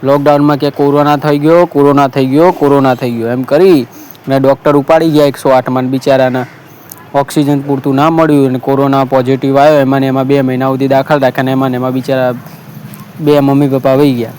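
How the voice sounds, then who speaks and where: A man's voice: mid-range voice, flat delivery, fast, darkish tone, a little hiss or hum. A man with a Gujarati accent, hosting a marriage bureau appeal, telling a story in an earnest, repetitive way and quoting the people who called him. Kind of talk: casual monologue appeal.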